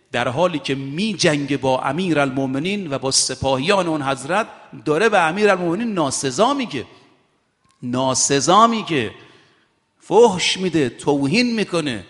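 Male preacher, impassioned sermon, hushed then emphatic, slow chanted quotations, higher-pitched voice, long hall reverb. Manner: impassioned, shifting between hushed storytelling and raised emphatic exhortation. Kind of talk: religious sermon with storytelling.

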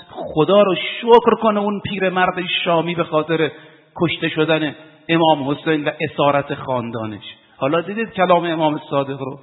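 A man preaching with emphatic force, his voice climbing to loud exhortation. His voice sits somewhat high for a man. It comes through thin and phone-like, with a long hall reverb trailing after it. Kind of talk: sermon storytelling to a congregation.

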